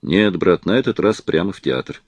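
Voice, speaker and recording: A man's voice: low voice, expressive, moderate pace, dry recording. A man reading a genial middle-aged investigator. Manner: good-natured, joking, friendly.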